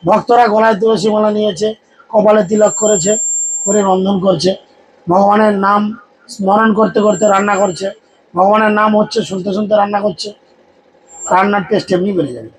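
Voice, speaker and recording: A man with a high voice delivers a devotional sermon to a live gathering. He exhorts and jokes with his listeners. A faint hum of background noise sits under his voice. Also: steady tone, moderate pace, low-quality recording. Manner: exhorting, humorous, leads crowd in loud chants. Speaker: preacher.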